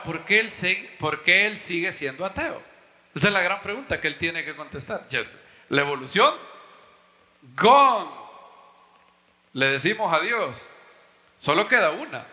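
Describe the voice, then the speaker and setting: High, animated preacher man in echoey room. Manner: animated, emphatic preaching, voice leaps up for stress. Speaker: pastor and Bible teacher. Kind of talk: sermon teaching.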